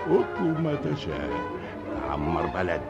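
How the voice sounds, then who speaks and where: An actor in an old radio drama playing a booming, imperious genie servant, roaring grandly in an Egyptian accent. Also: male voice, wildly swooping pitch, moderate pace, heavily acted. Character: booming male genie servant of a magic ring, obedient yet imperious. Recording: muffled old radio recording under loud music.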